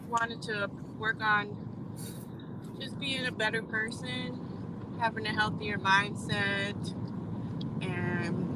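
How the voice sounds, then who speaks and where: A woman calling in by phone while driving, answering interview questions hesitantly with many pauses. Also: mid-range voice. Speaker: podcast guest, coaching client. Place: moving car. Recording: loud car road noise over phone line.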